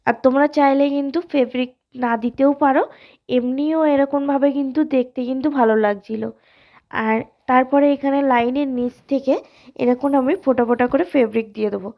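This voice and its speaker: A woman talks viewers through a craft tutorial, her voice hoarse from a cold. It sits high and stays fairly level in pitch. She sounds friendly and speaks directly to her audience. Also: muffled recording. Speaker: alta design tutorial host. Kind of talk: casual step-by-step tutorial.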